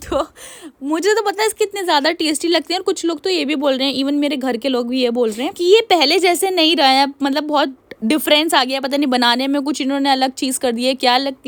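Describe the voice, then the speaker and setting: High-pitched woman rambling through a vlog voice-over, super dry sound, no room at all. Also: no room sound. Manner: chatty, rambling with many fillers. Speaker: vlogger.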